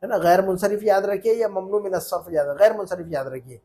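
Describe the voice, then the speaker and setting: Male Arabic tutor, high husky voice, patient and repetitive. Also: brisk, mellow. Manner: explains patiently, repeats points, often asks "है ना?". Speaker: Arabic teacher. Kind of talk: informal online Arabic lesson.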